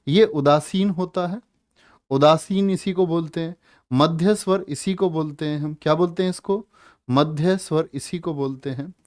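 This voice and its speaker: A man's voice: on the high side, darkish tone. A man teaching a Hindi grammar exam-prep class, quizzing and scolding students and stretching out letter sounds as he spells them. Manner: scolds and teases students, drills answers with repeated questions.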